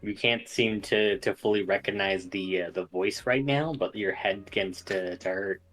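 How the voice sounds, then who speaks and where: Male game master, low husky voice, halting improvised narration over faint music. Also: a bit bright, rough recording.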